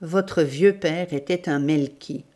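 A woman's voice: low-pitched, slow, a little mellow. A woman reading the part of a sarcastic, condescending Russian man in a storybook. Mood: mocking. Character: mocking, scornful Russian man.

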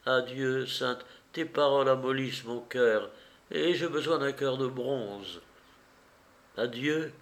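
A man's voice: medium pitch, takes it slowly, a bit bright. A man voicing a proud, stern noblewoman, speaking solemnly and resolutely. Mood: proud resolve.

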